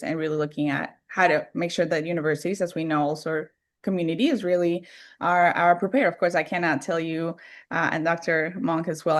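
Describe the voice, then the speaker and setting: Woman from Colombia, lower pitch, panel guest, earnest, hesitant fillers. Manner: earnest, many fillers and restarts. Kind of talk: panel discussion.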